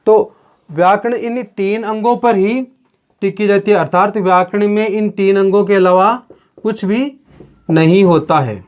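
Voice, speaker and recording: A man teaches a classroom-style grammar lecture in a high voice at a measured pace. He explains step by step and answers his own rhetorical questions, and the recording has a dull lo-fi sound.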